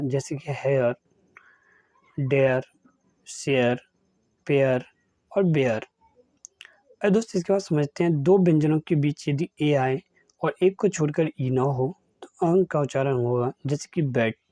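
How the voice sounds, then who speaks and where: A man gives an English pronunciation lesson. He states each rule and then reads a list of example words one at a time. His voice is warm and mellow, and the recording is dry and close. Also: a little high, no echo. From India. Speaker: English teacher.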